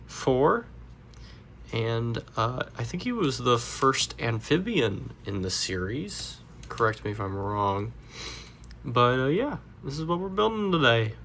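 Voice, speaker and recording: A congested man walking through a Lego build step by step, relaxed and rambling with fillers. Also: mid-range voice, slight background noise. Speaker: Lego builder, channel host. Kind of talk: casual build tutorial.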